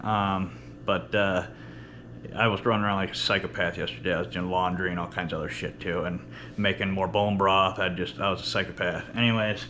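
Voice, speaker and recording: A man with a fairly low voice rambles through a casual workout vlog. He speaks with a lisp and whistling s, blunt and full of swearing. There is faint room noise behind him. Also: fairly even intonation, a little fast, sharp tone. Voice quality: lisp with whistling s, from missing top teeth. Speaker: workout vlogger. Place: indoor home workout space with running fridge.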